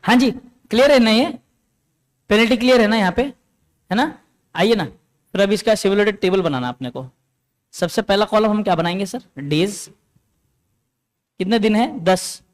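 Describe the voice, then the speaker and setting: A man with a fairly high voice teaches a class, working through a problem one step at a time. He keeps stopping to ask whether the students have understood, and his carries an influence. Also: animated, normal speed, pauses often. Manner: explains step by step, checks with the class. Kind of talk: classroom lecture.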